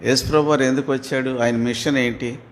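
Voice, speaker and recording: A man's voice: medium pitch, fairly even intonation. Telugu preacher questioning his congregation. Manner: asks the congregation questions and answers them himself; reads scripture slowly, then grows loud and fervent. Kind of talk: sermon.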